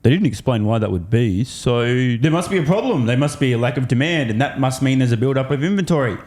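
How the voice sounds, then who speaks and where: A man's voice: medium pitch, animated, fast talker, darkish tone, close to an everyday voice. A man mockingly imitating a clueless, alarmist finance TV talking head in a naively fretful manner. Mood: mock worry.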